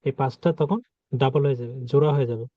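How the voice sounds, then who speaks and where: A man's voice: medium pitch, fairly even intonation, fast talker, no room sound. A man teaching pronunciation, patiently repeating each example word as he explains the rules. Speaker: language teacher. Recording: dry, phone-like narrow sound.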